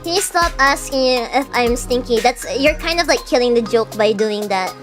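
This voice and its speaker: A young woman VTuber chats casually with her viewers, answering chat in a talkative, self-mocking way. Her voice is a little high and a bit bright at a normal speed, with faint music in the background.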